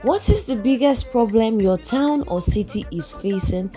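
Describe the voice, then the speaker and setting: A woman presenting scripted instructional tips as a narrator, in a deliberate, clearly enunciated manner. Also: fairly high pitch, animated, dark tone. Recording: music playing behind the voice. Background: background music.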